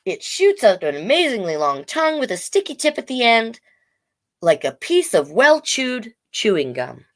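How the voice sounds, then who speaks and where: Her voice is on the high side and leaps through huge pitch swings at a moderate pace as she reads a picture book. Hosting a children's storytime, she reads expressively and playfully and chats in explanatory asides for young listeners.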